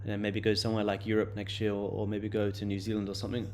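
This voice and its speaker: There's a little hiss or hum behind this fairly low, darkish, monotone voice that races along very fast. It's a man in his late twenties hosting a day-trading livestream, chatting loosely with viewers amid many fillers and repeated words.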